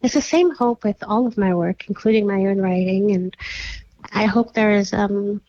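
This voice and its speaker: A Nigerian woman who works as a curator and writer answers interview questions thoughtfully, pausing often and using plenty of fillers. Her voice is mid-range with a dark tone, and the audio sounds dull.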